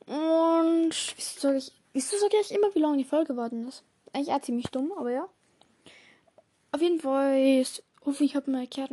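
A woman's voice: high-pitched, mellow. A woman chatting casually in an outro, rambling and correcting herself as she goes. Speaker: channel host.

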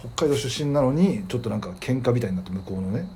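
A man's voice: mid-range voice, lively intonation, slight background noise. A man from Hokkaido co-hosting a casual chat show, telling rambling stories and reading listener mail aloud. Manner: fast, rambling storytelling with soft trailing asides. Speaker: podcast co-host.

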